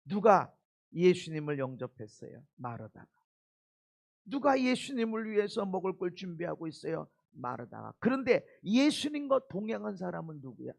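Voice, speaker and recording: A middle-aged male pastor giving an animated sermon, acting out the people in his Bible story. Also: high voice, normal speed, creaky. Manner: animated, acts out biblical quotes in lively voices.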